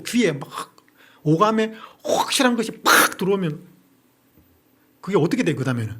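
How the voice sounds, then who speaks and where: Male pastor-lecturer, husky and somewhat high, runs rhetorical question-and-answer drills. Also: fairly bright tone. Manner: asks and answers his own rhetorical questions. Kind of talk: Bible-study lecture.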